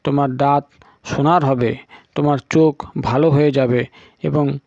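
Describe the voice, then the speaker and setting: A man voicing twin divine physicians, kindly and generous, in a measured, solemn way. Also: medium pitch, fairly even intonation, vocal fry, a little mellow, dry recording, close to an everyday voice. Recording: dull lo-fi recording.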